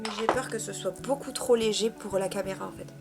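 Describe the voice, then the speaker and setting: A woman's voice: medium pitch, a little fast, over music. A young woman from France in a casual makeup vlog, talking in a chatty way with many hesitations while she applies products. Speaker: beauty vlogger.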